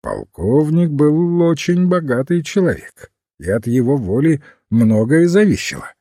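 A man voicing an earnest, excitable young gentleman in a storybook reading, with a husky, mellow voice and lively intonation. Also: on the high side, measured pace, dry recording, studio quality, pitched above the performer's own voice, exaggerated voice. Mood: eager. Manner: eager, agitated.

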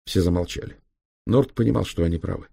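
A man narrating an audiobook in a measured, even storytelling manner. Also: deep voice, vocal fry, breathy edge, dry recording, clean studio sound. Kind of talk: scripted narration.

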